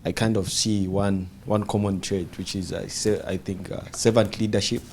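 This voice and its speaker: Deep gravelly man, halting speech. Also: little pitch movement, darkish tone, slight background noise. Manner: halting, many fillers. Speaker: visiting fellow. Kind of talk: studio panel reflection.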